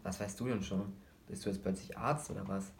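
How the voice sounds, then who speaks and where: A man's voice: low-pitched, steady tone, fairly quick, a little hiss or hum, close to an everyday voice. A man voicing an anxious teenage boy who gets agitated and defensive.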